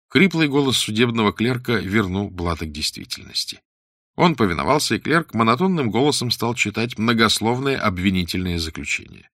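A man narrating a story aloud in a measured, expressive reading. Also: on the low side, dry recording, studio quality. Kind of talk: scripted audiobook narration.

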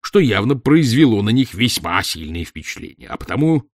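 A man's voice: lowish voice, very animated, normal speed, no room sound, studio quality, voice pushed up. A man voicing a pompous, arrogant older male professor who talks down to his listener in a lecturing way. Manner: haughty, lecturing, condescending. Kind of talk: audiobook reading.

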